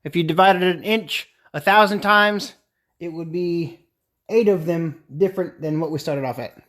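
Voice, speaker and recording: A man's voice: sits high, moderate pace, fairly bright tone. A man chatting casually on a live stream as he turns a pen and answers viewer comments. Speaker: woodturner streaming a pen turning.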